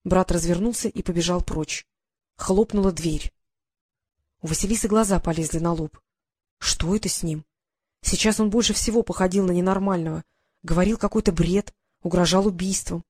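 Lady reading a story out loud, even and steady, dry close sound. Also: on the low side, moderate pace, breathy edge, dry recording. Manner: steady storybook reading, quietly acts out the dialogue. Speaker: audiobook narrator. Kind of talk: scripted narration.

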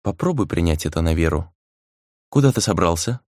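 A man's voice: sits low, lively intonation, fairly quick, a little mellow, no echo, studio quality. A man voicing an ancient spirit that speaks through a girl, cool, indifferent and musing. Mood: detached.

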